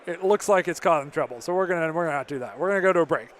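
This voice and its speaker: Chatty high-voiced male stream commentator. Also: very fast. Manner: chatty, answers chat questions, frequent fillers. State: slightly losing his voice. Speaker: tournament commentator. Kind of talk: casual live-stream commentary.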